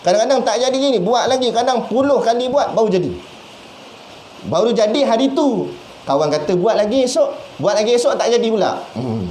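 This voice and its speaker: A man with a Malaysian Malay accent giving a sermon as a religious teacher. He talks in a lively, conversational way, asking questions and acting out little voices. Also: extremely high pitch, brisk. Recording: echoey room with faint background noise.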